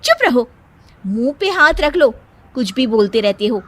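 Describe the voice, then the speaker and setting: A woman's voice: on the high side, very animated, unhurried. A woman playing a proud, bossy young daughter-in-law in a family comedy story, boastful and scolding.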